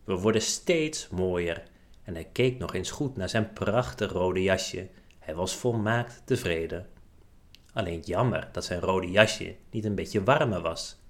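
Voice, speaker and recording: A man narrating a children's storybook chapter aloud in a gentle, expressive storytelling manner. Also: low-pitched, unhurried.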